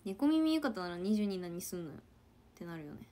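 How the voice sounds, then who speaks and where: Woman, casual livestream chat with viewers; chatty, soft murmured asides. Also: mid-range voice, very animated, fairly quick. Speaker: idol trainee livestreamer.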